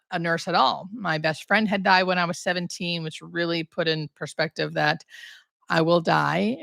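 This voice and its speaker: Woman, candid hospice nurse, casual livestream chat, conversational, thinking out loud, very little room echo. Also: on the low side, gravelly, studio quality.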